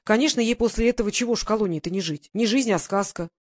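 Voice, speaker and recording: A woman's voice: mid-range voice, fast, close to an everyday voice. A woman voicing a stern, commanding man. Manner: firm, clipped orders. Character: stern, commanding grown man, blunt and protective.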